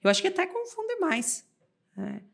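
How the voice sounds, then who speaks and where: A woman's voice: very high voice, very animated, moderate pace, vocal fry. A woman, a podcast guest, chatting casually and telling stories with frequent laughs. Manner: chatty storyteller who laughs often.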